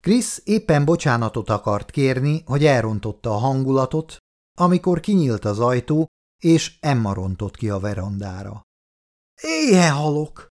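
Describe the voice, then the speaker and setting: A man narrating an audiobook in an even, measured storytelling manner. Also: medium pitch. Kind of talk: scripted narration.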